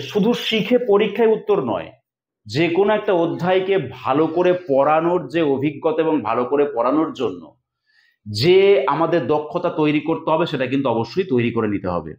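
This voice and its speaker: A male teacher giving an exam-prep lesson, explaining step by step and asking and answering his own questions. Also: on the high side. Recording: echoey, dull lo-fi room sound.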